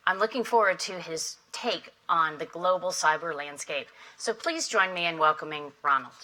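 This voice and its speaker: Bright-voiced woman giving a keynote. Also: lowish voice, normal speed, a little hiss or hum, poor audio. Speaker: industry association head opening a summit. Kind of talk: prepared keynote speech. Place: conference hall.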